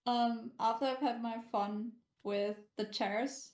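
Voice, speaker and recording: A woman chatting as a player in a tabletop game, her voice sitting a bit higher than most. She talks casually and jokily, and her mic picks up a roomy, echoing space. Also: fairly even intonation, darkish tone. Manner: chatty, giggly, quick to joke. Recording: roomy echo.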